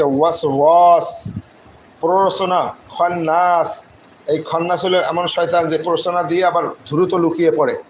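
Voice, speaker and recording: A man, his voice pitched a little high, teaches Quran recitation. He stretches each syllable slowly when spelling and then explains in quick bursts. A faint noise sits under the recording. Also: low-quality recording.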